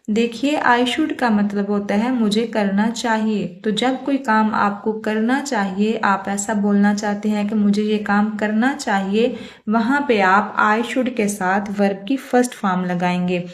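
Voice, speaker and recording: A woman teaching English grammar in Hindi, explaining patiently and saying each English example slowly and clearly. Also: medium pitch. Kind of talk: spoken English lesson for Hindi speakers.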